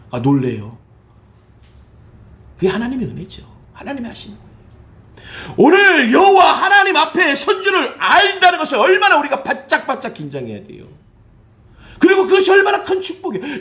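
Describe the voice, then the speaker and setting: A male pastor preaching a Sunday sermon in a high, gravelly voice. His pitch leaps and falls constantly, dropping to low confiding asides before he bursts into shouted exclamations. He sounds middle-aged.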